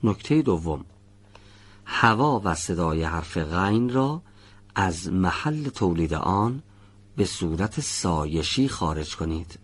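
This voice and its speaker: A man teaching pronunciation in a studio lesson, patiently demonstrating each sound slowly and repeatedly. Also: low voice, sing-song, breathy edge. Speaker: Quran recitation teacher. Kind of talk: classroom lesson on letter pronunciation.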